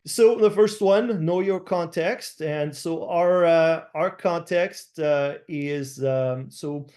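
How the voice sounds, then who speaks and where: A middle-aged man with a French accent speaks in a slightly raised register, presenting over a webcam from a small room. His delivery is halting and full of fillers and restarts. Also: a little high, a little mellow. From France. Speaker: farmer presenting a webinar. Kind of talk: online presentation with slides. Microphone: video call webcam.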